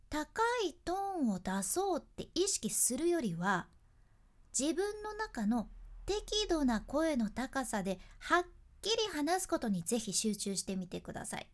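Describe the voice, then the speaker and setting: A woman, a speaking coach explaining voice tips in a friendly, lively teaching tone. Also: a little high. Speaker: speaking coach, freelance announcer. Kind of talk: instructional talk to camera.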